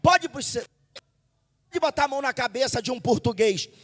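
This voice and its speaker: A Brazilian man preaching a fervent Pentecostal sermon into a handheld mic at a church service, shouting and repeating phrases for the congregation. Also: very high-pitched, expressive, moderate pace, long reverb tail. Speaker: pastor. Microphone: handheld microphone.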